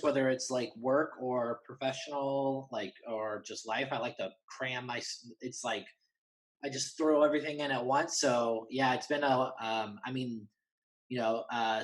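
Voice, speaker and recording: A man from Northern California in the United States, a horror journalist, chats casually as an interview guest. His voice is medium-pitched and a bit bright on a rough recording, and he rambles in a slangy way.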